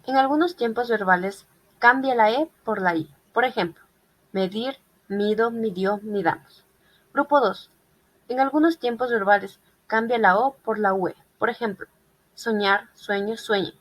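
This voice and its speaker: A student presenter, a woman with a slightly high voice, reads her group's class presentation on irregular verbs at an unhurried pace. She lists verb forms methodically, and the recording is rough.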